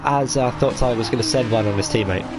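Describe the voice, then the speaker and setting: A man's voice: mid-range voice, quick pace. A man giving live motorsport commentary on a sim race, hesitant and full of fillers as he follows each move.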